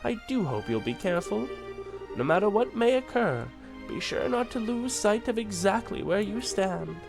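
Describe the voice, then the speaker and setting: A man voicing a gentle, dignified queen who talks softly and kindly. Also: sits high, animated, moderate pace, gravelly, over music.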